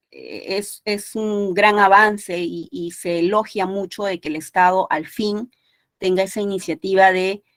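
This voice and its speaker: A Peruvian woman with a Peruvian Spanish accent and a mid-range voice teaches an exam prep language lecture. As a language teacher she keeps it conversational, using many tag questions and restarts, and there's no room sound.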